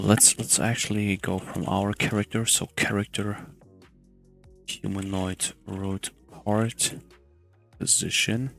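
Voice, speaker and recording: Hushed, low-voiced young man, quiet at night. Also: gravelly. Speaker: tutorial host. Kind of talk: casual screen-recorded game development tutorial.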